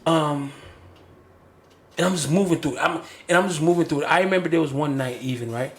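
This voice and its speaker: A man telling a personal story on a casual podcast, animated and repeating phrases like "you feel me". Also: a little high, a little fast, reverberant. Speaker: podcast host.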